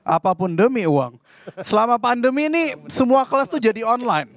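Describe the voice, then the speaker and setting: A man's voice: very high-pitched, sing-song, normal speed. A man from Indonesia doing a stand-up comedy set, ranting in exasperation.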